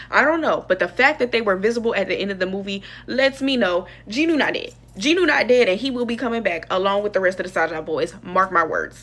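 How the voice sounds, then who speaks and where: Young woman vlogging a movie review, chatty and slangy, voice swings up a lot. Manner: chatty, expressive, slangy, lively pitch swings. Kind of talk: casual movie review vlog.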